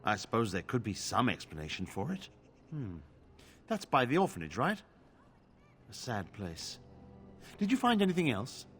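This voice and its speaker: An actor playing a solemn, devout male companion in a fantasy game, speaking gravely and formally. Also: medium pitch, huge pitch swings, normal speed, pauses often, soft background music.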